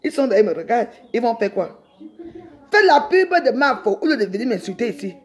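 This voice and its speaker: A woman's voice: fairly high pitch, big pitch swings, a little fast. A middle-aged woman, ranting defiantly on a live stream and rambling with repeated words. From Cameroon. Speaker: social media livestreamer.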